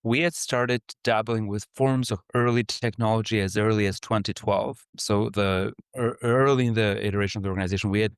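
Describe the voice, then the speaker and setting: A man in his forties from Albania, giving measured, explanatory interview answers as a company executive. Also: on the low side, fairly even intonation, smooth, no echo, clean studio sound. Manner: measured, explanatory, with small restarts.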